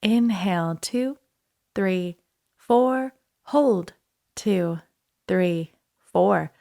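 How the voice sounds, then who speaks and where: A woman instructor with a mid-range, creaky, slightly mellow voice takes listeners through a breathing meditation. She is gentle and unhurried, letting silence follow each brief instruction.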